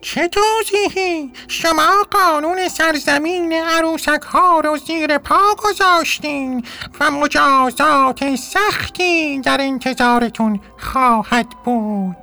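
A man voicing a small, round, pompous doll king with a thin, high voice, speaking in a stern, commanding way. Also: expressive. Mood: angry. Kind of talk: storybook narration.

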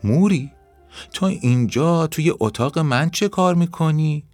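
A man's voice: mid-range voice, animated, gravelly, darkish tone, no room sound, soft background music. A man voicing a curious, resourceful little ant in a children's storybook reading, with a raised, eager voice.

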